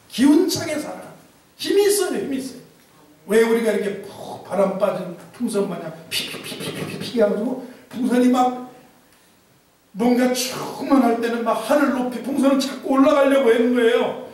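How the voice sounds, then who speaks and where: A male pastor from Chungcheong preaching a lively, humorous sermon to his congregation. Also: very high-pitched. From Chungcheong, Korea. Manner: animated preaching with humor and mimicked dialect. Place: church sanctuary. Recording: echoey church hall from a distance.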